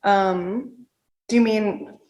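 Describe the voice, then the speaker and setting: At a book reading, an American author from the Pacific Northwest answers audience questions in a casual, candid way, using informal and slangy phrasing. Her medium-pitched voice is steady and darkish, and she speaks very slowly.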